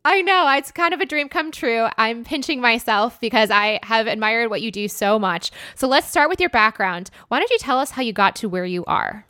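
A woman's voice: fairly high pitch, lively intonation, normal speed, hardly any pauses, pushed and bright, no echo, clean studio sound. A woman hosting a podcast, introducing her show and guest with gushing enthusiasm. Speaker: podcast host. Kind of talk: upbeat podcast intro and interview.

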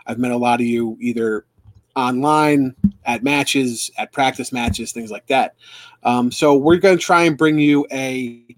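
A man hosts a casual fan-club live stream and talks in a loose, rambling way. He restarts his sentences often and fills the gaps with ums and uhs. His voice sits at an everyday middle pitch and sounds dry and close to the mic. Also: measured pace, no echo. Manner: rambling, many fillers and restarts.

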